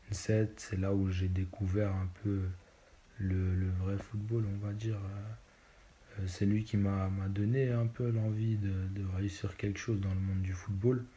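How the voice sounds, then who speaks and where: Fielding interview questions, a young Belgian footballer in his twenties sounds casual and unsure, often using fillers and starting over. He has a fairly low, warm voice, and the recording carries a little hiss or hum.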